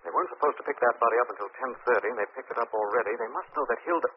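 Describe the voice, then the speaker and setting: An actor playing a grave, confident crime-fighting sleuth with theatrical authority, in 1940s radio style. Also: male voice, mid-range voice, rapid-fire, slightly rough, natural voice. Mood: urgent. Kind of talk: 1940s radio drama acting. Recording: dull, hissy old radio recording.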